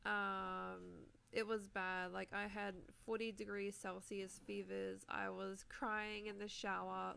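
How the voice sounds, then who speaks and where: A young New Zealand woman, a Minecraft streamer getting over a sore throat, chats casually on a live stream as she plays, rambling with fillers and laughing a lot. Her voice sits in the mid range, creaky and fairly bright, with a clean tone.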